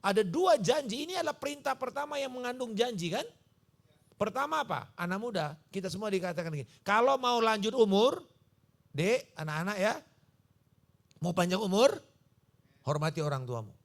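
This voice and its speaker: A man's voice: sits high, normal speed, vocal fry. A male pastor preaching a sermon, telling stories and acting out the dialogue in them. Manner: animated storytelling, acting out dialogue. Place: church service.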